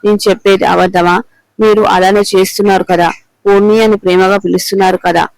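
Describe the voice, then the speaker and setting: A woman's voice: mid-range voice, little pitch movement, quick pace, a little mellow, no room sound, lightly acted, poor audio. Man reading as a bitter, accusing wife. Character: angry betrayed middle-aged wife.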